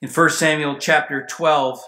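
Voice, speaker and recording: Guy preaching a sermon, kinda high voice, echoey church. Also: steady tone, measured pace. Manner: emphatic preaching, rising to near shouts. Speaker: pastor. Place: church sanctuary.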